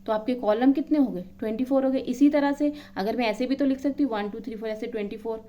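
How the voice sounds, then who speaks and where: Higher-pitched woman teacher, dull recording. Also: fast, dark tone. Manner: counts items aloud one by one, checks in often. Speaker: maths teacher. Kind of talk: explaining a classroom lesson.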